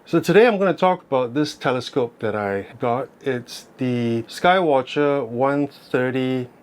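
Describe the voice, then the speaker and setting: A man's voice: medium pitch, lively intonation, unhurried, clean tone. A man whose articulation is slightly affected by wearing braces, explaining things casually in an unscripted review vlog and posing questions that he then answers. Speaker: amateur astronomy reviewer.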